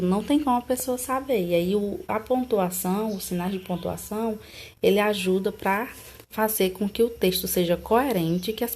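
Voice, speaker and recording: A woman from Brazil teaching a recorded online class, explaining slowly, repeating examples and checking with tag questions. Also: medium pitch, darkish tone.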